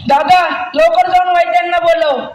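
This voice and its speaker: A man's voice: very high-pitched, steady tone, normal speed, raised voice, some chatter behind. A performer playing a stern village husband who scolds his wife. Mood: scolding. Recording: echoey room, distant mic.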